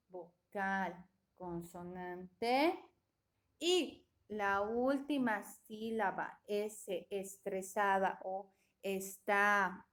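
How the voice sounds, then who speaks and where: Woman teacher going over grammar rules, slow and careful, higher voice, keeps asking "¿ya?". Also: fairly bright tone. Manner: slow and deliberate, often checking with a questioning "¿ya?". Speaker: English teacher. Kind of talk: classroom grammar lesson.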